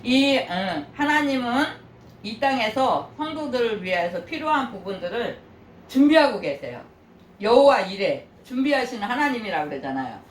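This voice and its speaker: A woman's voice: on the high side, big pitch swings, normal speed, a little hiss or hum. An older woman pastor preaching in a chatty way, often asking the congregation questions and laughing. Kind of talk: sermon. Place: church sanctuary. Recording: echoey church from a distance.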